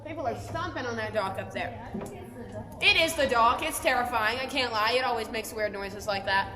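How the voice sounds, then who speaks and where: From a boat on an underground lake deep in a big cave, a young female guide chats casually with her tour group, addressing them as "guys." She speaks at normal speed in a highish voice, amid crowd noise and the cave's long, echoing reverb.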